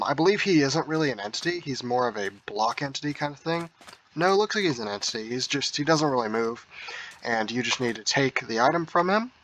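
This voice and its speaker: A man casually walking through a game mod update, rambling with frequent ums, heard through low-quality audio capture. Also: fairly bright tone, a little hiss or hum. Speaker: mod review video host. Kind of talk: casual gameplay walkthrough.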